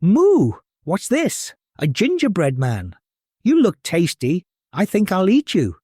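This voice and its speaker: A curious, hungry cow from a storybook fairy tale, acted out by a man. She exclaims and moos in a raised, animated voice. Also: sits high, unhurried, slightly rough, no echo, studio quality, pitched above the performer's own voice, exaggerated voice. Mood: surprised, hungry. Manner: mooing, exclaiming.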